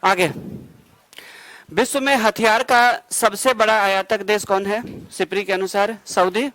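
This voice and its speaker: High-voiced man quizzing an exam class. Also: steady tone, sharp tone, no room sound, rough recording. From India. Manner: quizzes students with quick questions and answers himself; asides and jokes between facts. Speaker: exam-prep teacher. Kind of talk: rapid current-affairs revision lecture.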